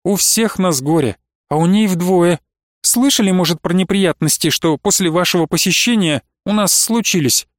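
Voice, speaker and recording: A man's voice: high voice, normal speed, no room sound, clean studio sound, natural voice. A man voicing a grieving, pious old nun who laments and pleads tearfully. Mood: mournful. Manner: lamenting, sing-song pleading.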